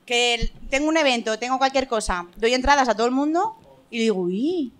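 A woman telling animated, self-mocking stories as a guest on a comedy stage. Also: fairly high pitch, fast. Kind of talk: casual anecdote telling on stage.

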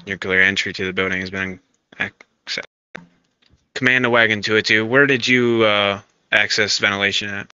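Sharp, forceful man commanding over radio. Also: fairly low pitch, steady tone, normal speed, clear, resonant tone, dry recording. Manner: directive, procedural. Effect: two-way radio. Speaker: fire scene incident commander. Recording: dull lo-fi radio, faint static.

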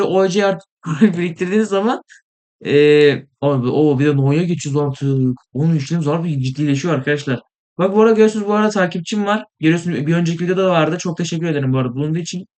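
A young man casually commenting on his gameplay, rambling and excitable, sometimes mumbling, saying he is tired. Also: on the high side. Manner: rambling, excitable, swears in frustration, trails off into mumbling. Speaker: gaming video host.

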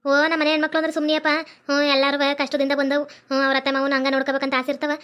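A fussing middle-aged village mother, played by a woman in a comedy skit, talking fast. Her voice is high and fairly level. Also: monotone, fairly bright tone. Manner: chatty, fussing, quick-talking.

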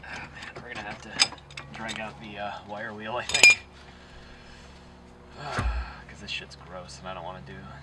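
A man's voice: fairly low pitch, steady tone, moderate pace, long pauses, heavy background noise. A young man chatting casually and swearing while he works on a car in a driveway outdoors, picked up by a camera on the ground. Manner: laid-back, swearing, dry. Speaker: car vlogger.

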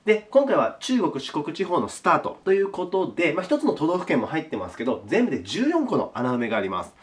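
A man with a hoarse, strained voice from a sore throat gives a video geography lesson. His voice sits fairly high and moves a lot in pitch, and he explains patiently with small check-ins to the viewer. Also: big pitch swings. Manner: polite, explains slowly with checks like "ne". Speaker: teacher.

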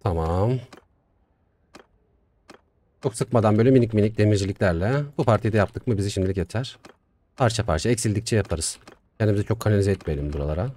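A young man giving casual, chatty commentary while playing a strategy game, talking to himself with excitable swings. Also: fairly low pitch, fast talker, pauses often. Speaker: gaming YouTuber. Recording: faint music behind.

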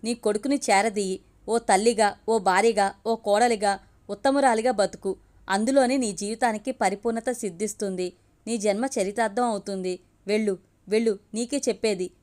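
A woman's voice: mid-range voice, fairly even intonation, moderate pace, a little mellow, lightly acted. A woman voicing a harsh, scolding woman in an audio story, speaking in a commanding, insistent way.

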